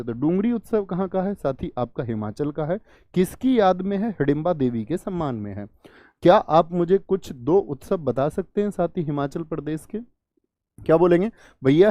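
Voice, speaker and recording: A male exam-prep teacher runs through quiz questions, pitching his voice fairly high as he poses each question and then answers it. He keeps circling back to repeat the key fact, chatting to viewers like friends. The sound is dry and close, with no room echo. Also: mellow. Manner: addresses viewers as brother and friend. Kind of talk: quiz-style general knowledge lesson.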